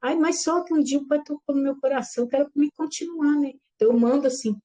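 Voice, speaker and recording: A middle-aged woman giving a lively personal religious testimony, acting out the voices in her story and calling her listeners brothers and sisters. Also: high-pitched, fast. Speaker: church member giving testimony.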